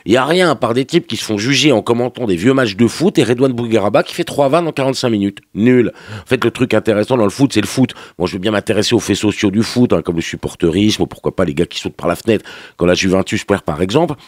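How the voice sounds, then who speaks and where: Male radio columnist, French accent, rapid mocking delivery, dry close studio sound. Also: on the low side, dry recording. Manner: sarcastic, slangy and mocking. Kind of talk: opinionated TV review on morning radio. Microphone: studio microphone.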